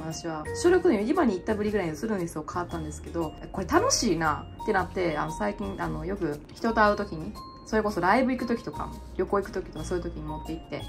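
Lively chatty woman with a Kansai accent. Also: lowish voice. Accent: Kansai Japanese. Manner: animated, laughing, rambling storytelling. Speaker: vlogger. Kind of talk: casual chatty night-routine vlog. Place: her apartment at night.

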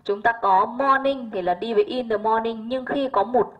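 Woman teacher, husky and lo-fi. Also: a little high, moderate pace. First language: Vietnamese. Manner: patient, checks understanding with frequent "right?". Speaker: English teacher. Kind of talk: exam answer walkthrough.

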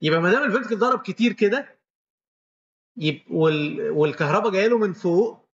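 A man's voice: high voice, lively intonation, fast, gravelly, muffled recording. A man with an Egyptian Arabic accent giving a medical lecture, walking students through each step and quizzing them as he goes.

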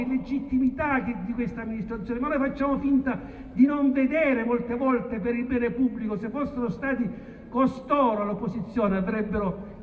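Booming high-pitched Salento man making a political speech. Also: narrow, tinny audio. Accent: southern Italian, Salento. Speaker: local politician addressing a rally. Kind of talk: political speech at an outdoor rally. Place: open town square at night, far from the camera. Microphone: distant phone camera picking up the speech. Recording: echoey, distant, noisy outdoor phone recording.

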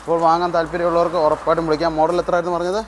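A man's voice: fairly high pitch, flat delivery, racing, noisy background. A man with a Kerala accent hosting a casual car vlog, echoing key points and mixing English words into Malayalam. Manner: repeats the other speaker's key points. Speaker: vlog host.

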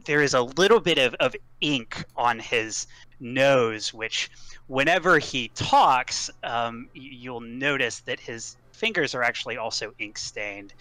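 A man's voice: medium pitch, measured pace, sharp tone, no echo. A man describing his tabletop character, hesitant and full of ums and uhs. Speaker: player.

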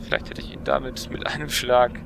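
Creaky-voiced young man commentating on a game. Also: medium pitch, fairly quick. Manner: musing, thinking aloud. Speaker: let's player. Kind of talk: casual gameplay commentary. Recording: clear background noise from game.

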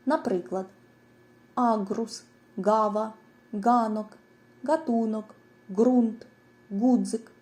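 A woman reading a scripted lesson, going through lists of example words in a clear, measured way. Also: mid-range voice, mellow. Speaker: teacher. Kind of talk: scripted educational narration.

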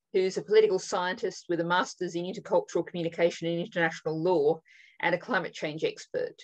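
A woman with a fairly low voice hosts a webinar panel over a video call. She introduces speakers and poses questions in a thoughtful, halting way, often pausing on "um" as she gathers her thoughts. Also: rough recording. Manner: thoughtful, halting, with frequent "um" fillers. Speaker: webinar moderator. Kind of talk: moderating an online panel.

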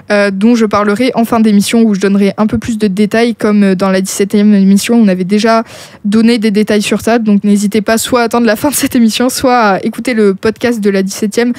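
A woman's voice: medium pitch, a little mellow, dry recording. A woman hosting a podcast, talking casually and reassuringly as she addresses a listener directly and gives advice. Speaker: podcast host.

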